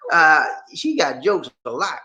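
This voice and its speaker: Speaking with a Southern Gullah Geechee accent, a livestream host from Charleston, South Carolina, USA, casually addresses viewers in folksy, colloquial talk full of repeated phrases. He sounds a little high, very animated, bright and forceful, and a little slow.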